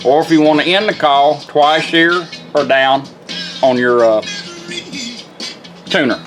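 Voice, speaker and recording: Speaking slowly in a slightly high, fairly bright voice, a radio restorer walks through a product demo in a casual, folksy, instructional manner. The audio is poor, and radio music plays behind his voice.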